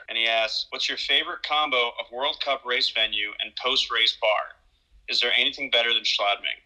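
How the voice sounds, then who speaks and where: A man in his thirties, a pro ski racer, telling stories in a relaxed casual way on a home video call, often repeating words. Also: medium pitch, rough recording. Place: small room at home. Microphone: video call webcam.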